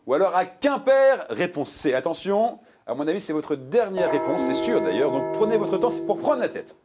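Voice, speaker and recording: Loud music plays as a high-voiced man hosts a television quiz at a moderate pace. Playful and full of jokes, he reads multiple-choice questions and answers with energetic emphasis.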